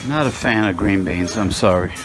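A man who vlogs about food records himself at a buffet on a phone held as he walks, chatting loosely about what's on offer with plenty of filler words. His low voice moves at a normal speed over music.

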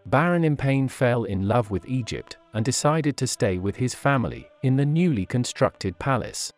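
A man reading scripted documentary narration for a walking tour, in a measured, list-by-list delivery. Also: mid-range voice, expressive, faint music behind.

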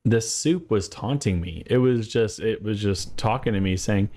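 A man's voice: fairly low pitch, normal speed, dark tone. A man telling a personal faith story to his viewers in an earnest, conversational way, sometimes acting out his own reactions. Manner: earnest, conversational, with acted asides.

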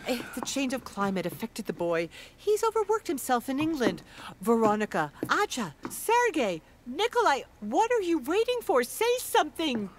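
A woman's voice: high voice, big pitch swings, moderate pace, slight background noise. An actress in a dubbed film playing a mother who pleads and then angrily demands that someone be blamed for her son's injury. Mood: pleading, anxious. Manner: pleading, then frantic and commanding.

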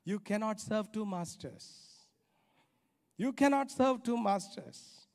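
A middle-aged male preacher with an Indian accent delivers a sermon in a high, slightly mellow voice with vocal fry, animated yet slow. He's emphatic, repeating phrases to drive them home, his handheld microphone carrying through a large church auditorium from the stage, with reverberant hall sound.

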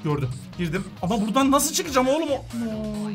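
A woman with a Turkish accent hosting a gaming channel, giving excited let's-play commentary full of urgent, repeated commands. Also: on the high side, fairly quick, over loud music.

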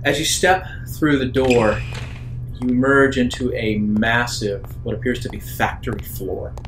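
Acting as game master, a man improvises narration for a tabletop roleplaying game, speaking in a measured way with hesitant pauses. His mid-range voice stays steady, and the recording has a roomy echo and faint background noise.

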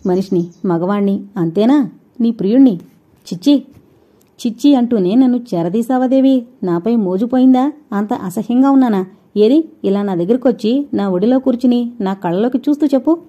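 A woman's voice: on the high side, moderate pace, dark tone, close to an everyday voice. A woman voicing a brash, scornful young man who talks in a taunting, insistent way. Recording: dull lo-fi recording.

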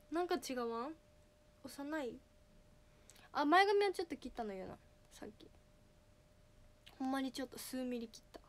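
A teenage girl idol with a slightly nasal voice, chatting casually on a livestream and reading out viewer names. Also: sits high. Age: teens. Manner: reads out viewer names, bright greetings.

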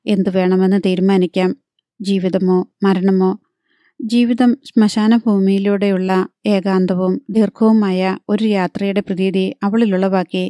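A woman reading a novel aloud as an audiobook narrator in a measured, even storytelling manner, close to the mic. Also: mid-range voice, no echo.

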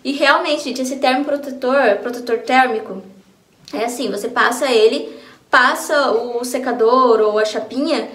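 A Brazilian vlogger with a Brazilian accent chats enthusiastically in a casual beauty vlog at home, first in the bathroom and then by a window. Her voice is a little high, a little slow and slightly bright, and the room sounds echoey with faint noise.

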